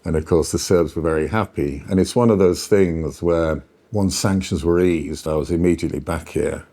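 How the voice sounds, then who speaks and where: Middle-aged man, very low voice, lively anecdotal interviewee. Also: normal speed. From Yorkshire, England. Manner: animated anecdotal storyteller. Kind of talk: storytelling interview.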